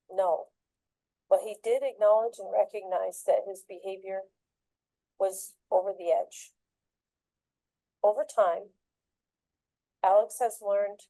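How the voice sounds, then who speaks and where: A woman who is a foster parent, calmly narrating a personal story in a measured way. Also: medium pitch, no echo, rough recording. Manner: calm, measured reflection.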